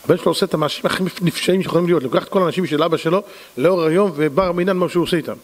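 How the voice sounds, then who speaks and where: A man, a rabbi, preaching a sermon in an animated, storytelling manner. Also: a little high. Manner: animated, acts out characters. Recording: long hall reverb.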